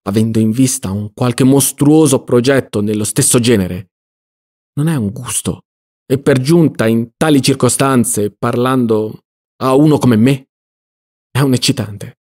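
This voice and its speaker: A man's voice: mid-range voice, unhurried, mellow, natural voice. A man reading an audiobook, voicing an indignant, scornful young male student in heated outbursts.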